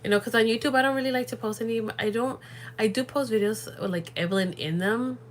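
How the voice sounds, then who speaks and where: Talking quickly in a fairly high voice, this young livestream host rambles casually, full of fillers and sprinkled with Spanish words. There's slight background noise.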